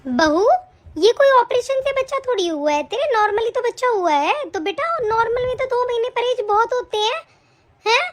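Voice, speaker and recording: A woman's voice: very high-pitched, expressive, normal speed. A woman doing a weary old mother-in-law. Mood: pleading. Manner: pleading, complaining to herself. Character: old mother-in-law, tired and put-upon. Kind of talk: amateur family drama acting.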